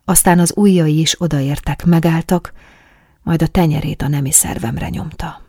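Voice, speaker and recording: A woman reading a first-person story aloud as an audiobook, in a calm, soft, intimate manner. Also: low-pitched, no echo, clean studio sound. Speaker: audiobook narrator. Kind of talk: first-person scripted narration of an erotic story.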